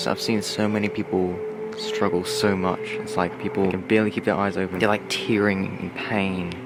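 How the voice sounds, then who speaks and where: A man's voice: sits low, level tone, normal speed, echoey room, very noisy. A man narrating a personal vlog in an understated, slightly hesitant way. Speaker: vlogger doing a sleep deprivation challenge. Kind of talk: vlog narration and self-talk.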